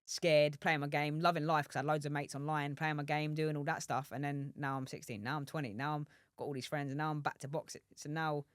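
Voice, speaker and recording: A man's voice: fairly high pitch, flat delivery, a little fast, hardly any pauses, a bit bright, smooth, no echo, studio quality. A man in his twenties, a professional boxer, chatting as a podcast guest, rambling with many restarts and asides. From England. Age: 20s. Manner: rambling, many restarts and "do you know what I mean". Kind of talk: casual interview chat.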